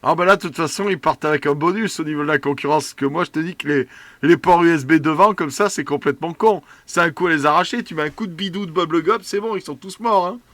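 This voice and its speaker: A man's voice: on the high side, quick pace, a bit bright, dry recording. A man hosting a casual tech show, gushing and joking, with a mocking, childish way of repeating himself. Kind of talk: excited casual commentary.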